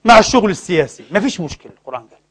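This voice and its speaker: A man's voice: sits high, sing-song, rapid-fire, husky. A man preaching a sermon, impassioned and indignant, who asks rhetorical questions and lets the congregation finish his sentences. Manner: impassioned, indignant, mixes formal and colloquial speech. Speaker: preacher and lecturer.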